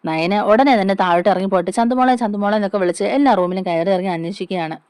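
Woman, storyteller, chatty narration, fast pace, dry close sound. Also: mid-range voice, darkish tone, clear, resonant tone, no room sound. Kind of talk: casual retelling of a TV serial story.

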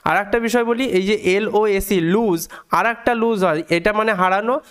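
A male English teacher from India, patiently explaining a reading lesson, breaking words down slowly and repeating key points. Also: high voice, a bit bright, smooth.

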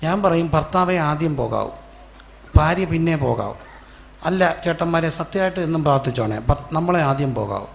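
Gravelly pastor quizzing congregation. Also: male voice, a little high, expressive, normal speed, a little hiss or hum. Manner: storytelling, quizzing the congregation with questions; acts out quoted voices. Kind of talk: sermon.

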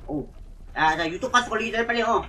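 A man's voice: sits high, fast talker, pushed and bright, slight background noise, low-quality recording. A man casually commentating live on a game he is playing, into a close mic. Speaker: game streamer. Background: game music.

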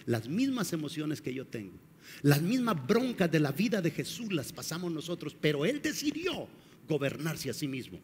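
A man preaching with a high, husky voice, his sermon rising and falling dramatically as he throws rhetorical questions at the congregation. His words ring out with a long reverb across a large church hall. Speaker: pastor.

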